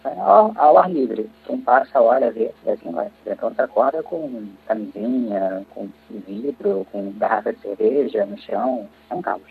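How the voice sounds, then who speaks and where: A man's voice: on the low side, moderate pace, vocal fry, hardly any pauses, husky. Man with a distorted, disguised voice. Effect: voice distortion to hide identity. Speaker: anonymous local resident. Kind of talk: phone-style testimony in a news report. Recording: distorted, tinny phone-like audio.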